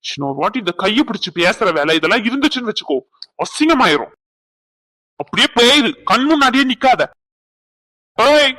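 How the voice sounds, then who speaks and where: A man's voice: sits high, very animated, fast, sharp tone, no echo, full character voice. A man voicing a hot-tempered young cousin in a cartoon skit, scolding and sarcastic in a theatrical way. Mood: angry scolding.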